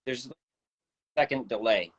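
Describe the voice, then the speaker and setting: A man joining a live session as a guest over a video call, talking briskly while fixing his setup, his audio dropping and swelling in volume as the connection cuts in and out. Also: mid-range voice, fairly bright tone, breathy edge, no echo, dull audio. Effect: uneven volume, audio cutting in and out over a laggy connection. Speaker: guest, business owner. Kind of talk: casual chat.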